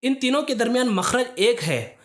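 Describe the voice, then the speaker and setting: A woman teaching a recitation lesson, explaining letter pronunciation step by step and pausing often to check that students follow. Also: on the high side, animated. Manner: patient, step-by-step explaining with frequent "theek hai" checks.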